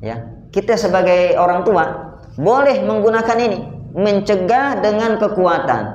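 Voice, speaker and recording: A man's voice: sits high, lively intonation, normal speed, darkish tone, a little hiss or hum. A man teaching a religious study lecture, speaking to his listeners in a conversational way with rhetorical questions. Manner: addresses listeners directly as "sir". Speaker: Islamic teacher. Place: mosque hall. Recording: roomy, dull lo-fi recording.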